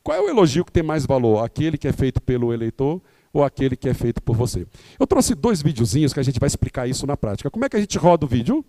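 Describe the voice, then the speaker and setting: A man's voice: medium pitch, very animated, fast talker, mellow, no echo. A Brazilian man giving an explanatory lecture on campaigns to candidates, with many fillers and tag questions. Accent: Brazilian Portuguese.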